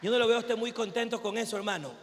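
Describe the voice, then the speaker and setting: High-voiced fiery preacher. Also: male voice, fast, background noise. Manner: swings from shouted proclamation to low intimate asides. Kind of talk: fervent sermon. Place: church service hall. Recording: echoey church hall with long reverb.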